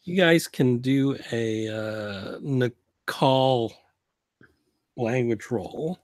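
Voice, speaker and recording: A man casually narrating a tabletop game as game master, in a halting, informal way. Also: medium pitch, a little mellow, dry recording, clean studio sound.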